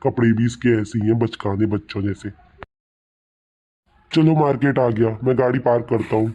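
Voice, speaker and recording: A man's voice: medium pitch, normal speed, warm tone, dull audio, lightly acted. A young man playing a long-suffering husband in a comic family skit, muttering asides to himself. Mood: grumbling. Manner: grumbling asides.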